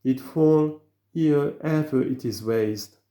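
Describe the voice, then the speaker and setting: A man giving a slow, earnest reading of an old sermon, full of rhetorical questions. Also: a little high, dark tone, reverberant. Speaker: reader of sermons.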